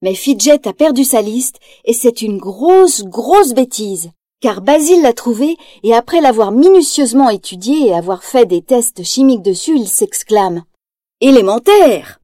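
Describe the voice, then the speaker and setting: High-voiced woman reading a storybook. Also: normal speed, no echo, studio quality. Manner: lively, acts out quotes in raised voice. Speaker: storybook narrator. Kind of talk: scripted storybook narration.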